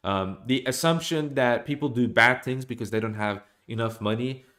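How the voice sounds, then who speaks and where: Medium-pitched and moderately paced, a young Norwegian delivers an opinion-heavy monologue to the webcam on his desk while streaming from a small room at home. He gestures animatedly and frequently restarts.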